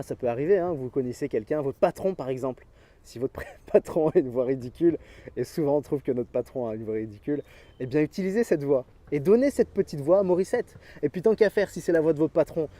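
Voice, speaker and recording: A man giving an energetic motivational talk to camera about sport, speaking directly to his viewers and chuckling often. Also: a little high.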